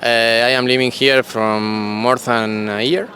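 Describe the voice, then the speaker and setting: Argentine-born man, sharp bright tone, slow and plain. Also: mid-range voice, fairly even intonation.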